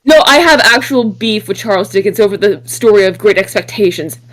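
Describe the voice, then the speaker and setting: A woman's voice: mid-range voice, animated, fairly quick, rough recording. A woman playing in a tabletop game, chatting casually and sharing strong opinions expressively. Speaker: player.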